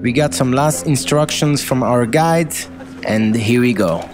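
A man's voice: mid-range voice, unhurried. A man giving plain, matter-of-fact voice-over narration for a travel video. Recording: music under voice.

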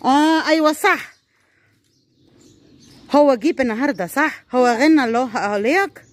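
A woman vlogs casually from a village farm, chatting and coaxing the animals as she switches between German, English and Arabic. Her voice sits high and she speaks rapid-fire.

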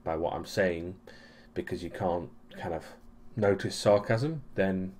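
Speaking a little slowly in a low, darkish voice, a young vlogger from Europe rambles through a casual recap of his week. He restarts often, says um a lot, and has a dry sense of sarcasm.

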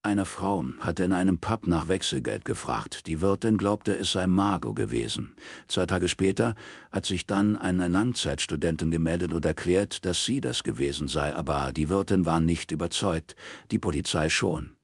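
A man reading a crime novel aloud as scripted narration, in a steady storytelling manner. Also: deep voice, normal speed, husky, no room sound. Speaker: audiobook reader.

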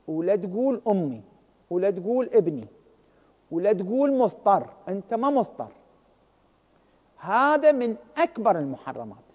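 A man's voice: high-pitched, darkish tone, husky, big-room sound, lo-fi sound. A man with an Iraqi Arabic accent giving a televised religious talk as a scholar, acting out everyday people's words in dialogue and posing rhetorical questions.

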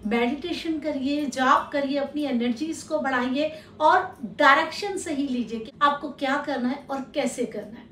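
High-voiced woman giving spiritual advice. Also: moderate pace, few pauses, recorded from a distance. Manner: calm, advising, addresses the listener directly. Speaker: spiritual teacher and healer. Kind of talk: instructional talk to camera. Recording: echoey room, voice a little off-mic.

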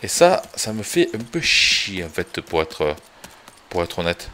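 A man's voice: sits low, big pitch swings, a little slow, sharp tone. A man streaming a video game live, chatting casually, swearing now and then and greeting viewers as he plays. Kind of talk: casual live gameplay commentary.

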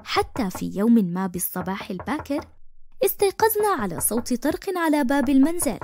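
A woman narrating a first-person story for an animated cartoon in an expressive, emotive way. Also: high-pitched, a little fast, slight background noise.

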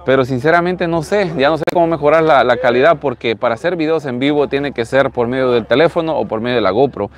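Showing used cars on a live stream, a thirty-something man with a Latin American Spanish accent films himself outdoors in an open lot with a handheld phone at arm's length. He talks fast and mid-pitched with hardly any pauses, chatty and prone to repeating himself.

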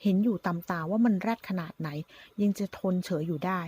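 A woman reading the lines of a scheming young woman who goads a man with sharp contempt. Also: on the low side, a little fast, slightly rough. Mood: contemptuous. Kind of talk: storytelling reading.

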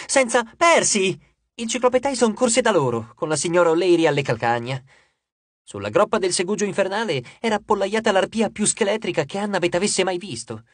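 An audiobook narrator reading a fantasy novel aloud with scripted narration, changing voice for each character. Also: no echo. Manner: lively, shifts pitch for each character.

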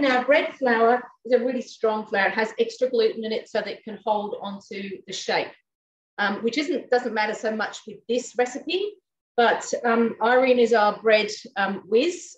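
A woman's voice: a little high, slight background noise. Woman chatting through a cooking demo. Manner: chatty, talks while working. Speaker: cooking demonstrator. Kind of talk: live cooking demo chat. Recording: roomy, dull sound from a distance.

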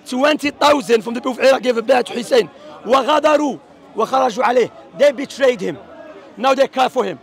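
A man from Algeria preaches in a heated street debate with a strikingly high, gravelly voice. He talks fast and forcefully, dropping Arabic quotations into his English. A faint crowd murmurs around him outdoors. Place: outdoors at a public speaking corner.

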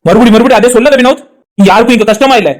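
Delivering rapid-fire lines in a natural medium-pitched voice, a voice actor plays a stern, quick-tempered older brother and husband in an animated drama. He commands and scolds, and his mood is firm.

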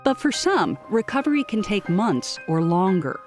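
A woman giving scripted documentary narration with a lively reading. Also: mid-range voice, normal speed, soft background music.

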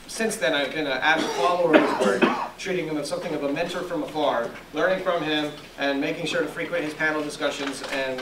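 A young man moderates an event and introduces the speaker into a handheld mic. He speaks hesitantly, with frequent "um" and self-corrections. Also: a little high. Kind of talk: formal introduction. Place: lecture room, indoors, at a podium. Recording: echoey room, distant camera mic, audible noise.

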